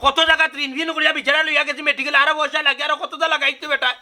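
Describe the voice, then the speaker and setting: A man's voice: very high-pitched, little pitch movement, racing, sharp tone, exaggerated voice. An actor with a Sylheti accent playing a pushy man who demands money for treatment and scolds insistently. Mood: scolding. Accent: Sylheti Bengali. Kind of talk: rural comedy drama acting.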